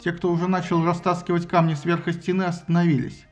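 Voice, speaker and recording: A man narrating an audiobook with a lively, ironic storytelling manner. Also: sits high, quick pace, soft background music.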